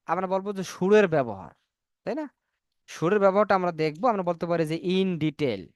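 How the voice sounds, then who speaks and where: High-voiced man teaching English online. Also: expressive, moderate pace, dry recording, studio quality. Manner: explains in Bengali, asks and answers his own questions, spells words out. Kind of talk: online class lecture. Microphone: computer mic on a video call.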